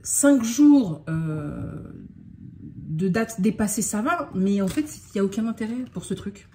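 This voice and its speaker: A woman's voice: mid-range voice, animated, unhurried, warm tone, slight background noise. A woman from France in a casual unboxing vlog, talking in a scattered, self-interrupting way and getting worked up. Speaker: vlogger.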